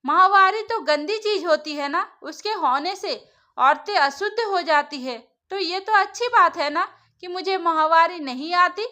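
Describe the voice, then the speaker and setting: Lady reading as a young modern wife, firm and reasoning, very high bright voice. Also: unhurried, full character voice.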